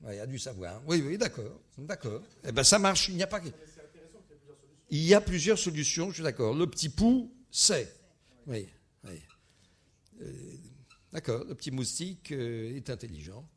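Brief: husky male game leader, animated, stumbling restarts, rising excitement. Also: on the high side, normal speed. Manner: animated, hesitant, with many restarts and fillers. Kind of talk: leading a word game with an audience.

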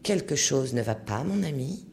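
Man reading a soft, gentle, well-mannered countess. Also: mid-range voice, animated, moderate pace, a little hiss or hum, natural voice. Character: gentle, genteel aristocratic countess.

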